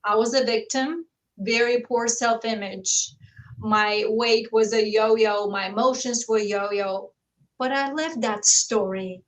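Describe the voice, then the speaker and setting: A woman's voice: a little high, takes it slowly, recorded from a distance, poor audio. A woman in her fifties from Bulgaria, telling her personal story earnestly as a talk-show guest over a video call. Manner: earnest, steady and heartfelt. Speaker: guest author.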